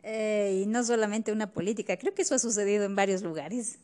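A woman's voice: medium pitch, fast talker, darkish tone. A woman, co-hosting a casual history chat and chiming in with questions and wry jokes. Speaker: podcast co-host.

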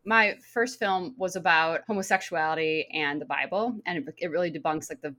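A woman's voice: fairly low pitch, brisk, sharp tone. A woman talking casually, with a friendly, informal way of telling things. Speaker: documentary filmmaker. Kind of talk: casual conversation.

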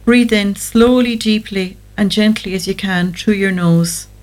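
Woman gently guiding slow breathing. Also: medium pitch, poor audio. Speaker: guest anxiety therapist on a show. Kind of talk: guided breathing exercise, slow and gentle instruction.

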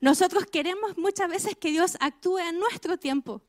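A woman preaching with a high voice. She puts direct questions to her listeners and drives points home by repeating phrases. The recording is close and dry. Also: normal speed, no echo. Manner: emphatic, repeats key phrases. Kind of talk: sermon.

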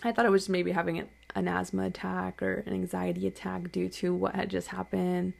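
A woman's voice: lowish voice, monotone, a little fast, creaky, a little mellow. A young adult woman hosting a solo podcast episode, candidly telling a personal story in casual, filler-heavy talk. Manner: candid, conversational, many "like" fillers. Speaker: podcast host.

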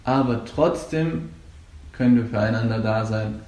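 A young man from Afghanistan, speaking German as a second language, talks earnestly about coaching jiu-jitsu, with halting restarts. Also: fairly low pitch, a little mellow. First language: not German. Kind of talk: casual interview. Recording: echoey room.

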